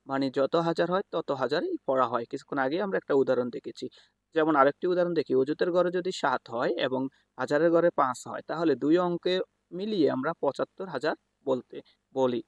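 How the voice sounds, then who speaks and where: A man's voice: a little high, no room sound, muffled recording. A man teaching a school math lesson, explaining step by step with frequent fillers and self-corrections. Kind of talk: explaining a lesson while writing on a board.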